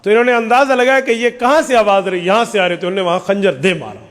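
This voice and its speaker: A man's voice: high voice, a bit bright, long reverb tail. A man preacher telling a story dramatically in an Islamic sermon.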